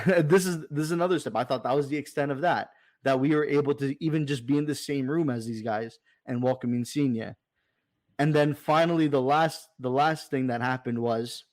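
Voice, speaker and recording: A man, a supporters' club president who is a podcast guest, telling a story in a casual, animated way and acting out quoted dialogue. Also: medium pitch, no room sound.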